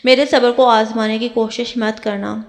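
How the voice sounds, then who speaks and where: A woman's voice: fairly high pitch, level tone, natural voice. A woman voicing a frustrated, impatient young husband who scolds and pleads, with long hall reverb.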